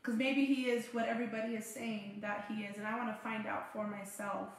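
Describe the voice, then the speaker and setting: A woman pastor delivers a fervent sermon in a bright, high voice. She presses her points by repeating phrases. Her voice rings through a very echoey church room. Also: flat delivery, fairly quick.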